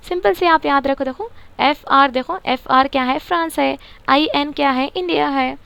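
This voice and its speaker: A woman's voice: high-pitched, fairly bright tone. A woman teaching a current affairs lesson for exam prep. She explains patiently, repeats the key answers and mixes English terms into her talk.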